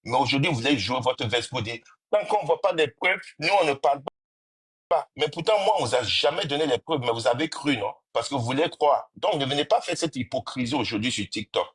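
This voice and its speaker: A man's voice: medium pitch, expressive, a little fast, fairly bright tone, husky, dry recording. A man delivering an accusatory rant on a live stream, hammering the listeners with rhetorical questions. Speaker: panel participant in a live stream. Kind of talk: ranting monologue on a live stream.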